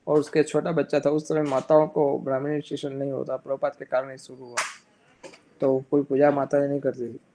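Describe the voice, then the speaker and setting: A man's voice: fairly high pitch, mellow, rough recording. A man telling a religious story in a sermon, slipping in English phrases and acting out the characters' lines. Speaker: speaker giving a religious discourse.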